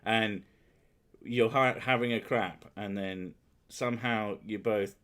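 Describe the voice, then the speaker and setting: Speaking slowly in a fairly low, steady voice, a man hosts a stream and chats casually with his partner. He curses freely, makes fun of himself and laughs loudly. He's on headphones and a desk mic.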